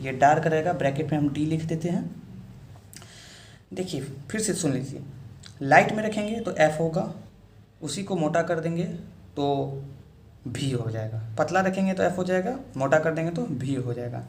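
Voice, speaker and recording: Man, patient teacher, repeats steps, slightly high voice, echoey room. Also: lively intonation, normal speed, long pauses, slight background noise. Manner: patient, repeats each step with frequent check-ins. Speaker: shorthand teacher. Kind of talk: step-by-step lesson.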